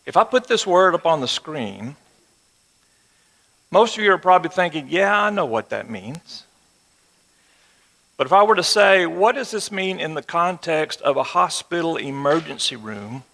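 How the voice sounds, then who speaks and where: A live audience in a large room or auditorium hears a West Texan man in his sixties teach a Bible lesson, his twangy, amplified voice ringing through the hall. It's a little high, a bit bright, creaky, and animated, with a moderate pace, frequent pauses, folksy conversation, and rhetorical check-in questions.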